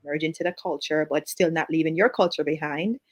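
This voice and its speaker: Speaking fairly quickly in a slightly low voice, a Jamaican woman appears as a guest in a casual interview. She is relaxed and chatty, laughs readily, and slips into fillers between thoughts, and there is no room sound.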